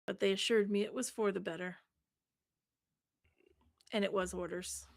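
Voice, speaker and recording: A woman acting as game master, narrating a tabletop role-playing game and answering in character with brief, measured lines. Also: medium pitch, steady tone, creaky.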